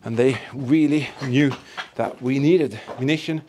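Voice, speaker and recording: A faint hiss or hum sits under this man's mid-range, darkish voice, which moves at a measured pace. Hosting a history exploring channel, he walks through forest and ruined buildings narrating to the camera, enthusiastic, emphatic, and repetitive with his words.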